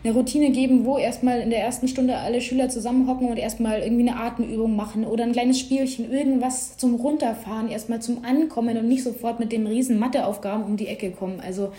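A woman's voice: on the high side, dark tone. A young woman giving an interview in a casual, earnest and persistent way, drawing on her own experience. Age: young adult. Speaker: interview guest. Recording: roomy echo.

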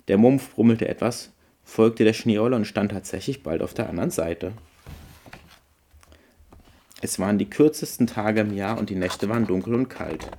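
A man, host of a podcast, gently reading a Christmas storybook tale aloud. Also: lowish voice. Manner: gentle, unhurried.

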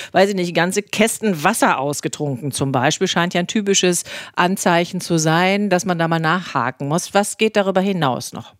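A woman's voice: on the low side, no echo, studio quality. A woman hosting a podcast, presenting and interviewing in a radio style. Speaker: podcast host.

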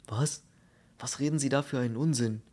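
A man's voice: mid-range voice, normal speed, a little mellow, voice pushed up, lightly acted. A man voicing a small, bald prisoner who complains and whines in a raised, indignant voice. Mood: aggrieved.

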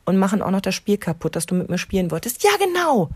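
A woman voicing an upset little boy who feels wronged, speaking in a high, whiny, complaining way. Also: very animated, fast talker, a little mellow, slightly rough, dry recording, studio quality. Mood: aggrieved.

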